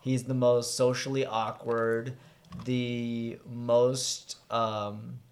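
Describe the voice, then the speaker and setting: Animated man retelling stories, laughing. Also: mid-range voice, drawn-out words. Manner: animated storyteller, laughs often. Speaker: podcast co-host. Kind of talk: casual movie chat.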